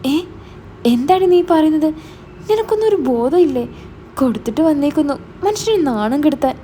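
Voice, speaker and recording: Woman reading as a bossy older brother, scolding, mellow voice, storybook. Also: high voice, lively intonation, moderate pace, slight background noise. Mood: stern. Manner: scolding, demanding. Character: stern young adult older brother.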